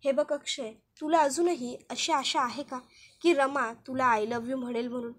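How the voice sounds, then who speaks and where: A woman voicing a middle-aged aunt who advises softly and persuasively. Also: sits high, steady tone, moderate pace, slight background noise, natural voice. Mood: coaxing. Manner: soft, coaxing.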